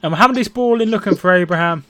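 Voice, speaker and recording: A man's voice: sits high, fast talker, a bit bright, no echo. A man in his twenties from England, casually co-hosting a football watchalong stream, chatting and reading out viewer comments. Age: 20s. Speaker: livestream co-host.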